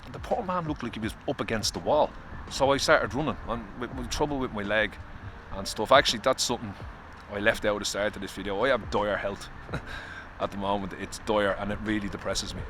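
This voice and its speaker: A man's voice: on the low side, fairly even intonation, fairly quick, a bit bright, slight background noise. Earnest Irish man vlogging outdoors. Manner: earnest, confessional, swears casually. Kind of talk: candid personal vlog. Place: outdoors in the cold.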